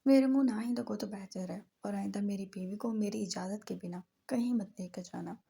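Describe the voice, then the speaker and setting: Woman reader as angry, curt young man; dark, husky delivery. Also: mid-range voice, normal speed. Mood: cold. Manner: curt and threatening.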